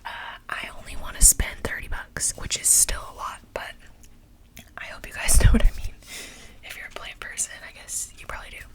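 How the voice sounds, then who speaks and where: A woman's voice: brisk, poor audio. A young woman whispering a rambling, casual vlog chat full of fillers, close to the mic. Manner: whispering throughout, chatty and rambling with many fillers. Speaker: vlogger.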